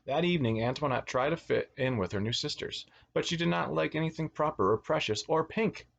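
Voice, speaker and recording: A man's voice: on the high side, fairly quick, gravelly, highs cut off. A man reading a children's storybook aloud as a teacher, expressively, with asides to his young listeners. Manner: expressive, acts out words and exclamations.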